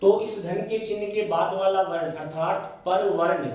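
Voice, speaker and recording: His high voice has a darkish tone as he lectures a class on Sanskrit grammar with a Rajasthani Hindi accent. Asking his own questions and then answering them, he draws out the important sounds, all captured by a distant mic in a very echoey room.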